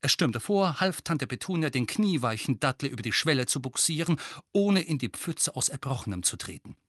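A man narrates an audiobook in an expressive, storytelling style, delivering scripted narration. His voice sits in the mid range and moves a little fast, captured as a dry, clean studio recording.

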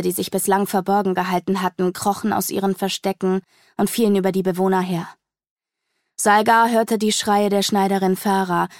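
A woman reads a dark fantasy audiobook in a measured, storytelling manner, easing off the pace when the tension builds. Her mid-range voice carries a gravelly fry. The recording is dry and close, with no room sound. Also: medium pitch, dry recording. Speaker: audiobook narrator. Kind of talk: dramatic fantasy audiobook reading.

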